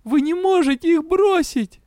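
A man's voice: sits high, a little slow, mellow, dry recording, clean studio sound, voice pushed up. A man reading an audiobook, voicing a frightened young woman who pleads through tears. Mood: pleading. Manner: tearful, pleading.

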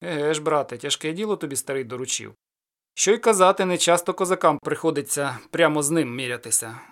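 A man's voice: on the high side, fast talker. Man voicing a mocking cossack sorcerer. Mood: gruff. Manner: calm, teasing, then loud challenges.

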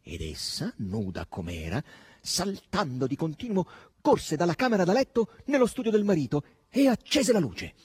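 Man narrating a novel aloud, dramatic and expressive, dry close recording. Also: high voice, normal speed, slightly rough, dry recording. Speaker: audiobook reader. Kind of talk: scripted narration.

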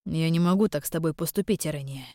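A woman voicing a young crown prince who speaks calmly and deadpan with a faint mocking edge. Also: low-pitched, fast, no room sound, clean studio sound. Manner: calm, deadpan, mildly mocking. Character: young crown prince, cool, hard and teasing.

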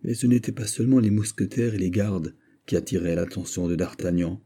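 A man narrating a classic novel as an audiobook in a steady, measured reading. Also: sits low, breathy edge.

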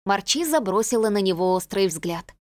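A woman's voice: mid-range voice, lively intonation, normal speed, dry recording. Dry-voiced woman narrating an audiobook. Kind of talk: scripted narration.

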